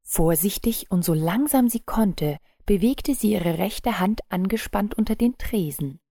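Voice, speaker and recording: Woman reading a story aloud, calm and measured, mellow dark tone, super dry close sound. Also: medium pitch, no room sound. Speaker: narrator. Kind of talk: scripted audiobook narration.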